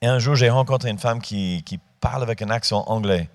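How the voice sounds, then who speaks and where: In a church, a man in his fifties preaches a sermon in a medium-pitched, brisk voice. He talks informally, with hesitations, and lifts into an emphatic delivery on key points.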